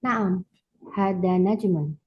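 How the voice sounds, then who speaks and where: Soft-spoken woman student, muffled. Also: mid-range voice, slow, slightly rough. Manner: soft, brief, polite answers. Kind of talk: answering lesson drills.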